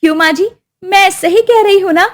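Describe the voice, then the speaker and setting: A woman's voice: very high voice, normal speed, pitched above the performer's own voice. A woman voicing a scheming, cruel young daughter-in-law in a storybook tale, talking in a sly, scolding way.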